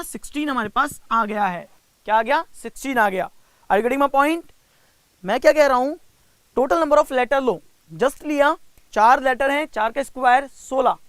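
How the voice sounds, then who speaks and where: A man's voice: very high-pitched, a bit bright, no room sound. Coaxing Indian male teacher, dry close sound. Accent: Indian English mixed with Hindi. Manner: coaxing and teasing, reads out student names, slows down to spell out steps. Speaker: reasoning teacher for bank exams. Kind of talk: live online class, explaining a puzzle.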